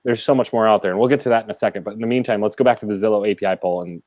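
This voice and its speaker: A man's voice: lowish voice, rapid-fire, darkish tone, dry recording. Host guy cutting in to steer things, laughs a lot, muffled dead-dry call audio. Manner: interrupts to steer, laughs often. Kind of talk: casual chat.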